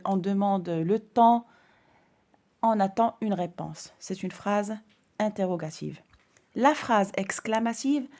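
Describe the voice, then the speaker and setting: A woman's voice: mid-range voice, darkish tone. A woman teaching a grammar lesson to primary school children, speaking carefully and stressing each example sentence.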